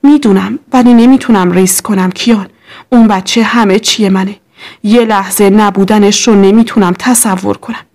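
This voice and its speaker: A woman reading the lines of a hurt young mother who speaks softly and pleadingly in a storybook. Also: mid-range voice, steady tone, natural voice. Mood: tearful. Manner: pleading, soft.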